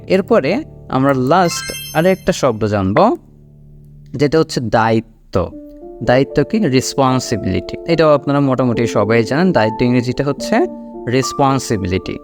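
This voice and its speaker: A man teaching English, patiently explaining and repeating words slowly for pronunciation. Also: medium pitch. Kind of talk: spoken language lesson. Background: background music.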